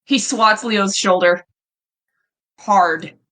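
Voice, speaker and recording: Woman player joking around at the table, mid-pitched voice. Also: very slow, pushed and bright. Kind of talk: casual game chat.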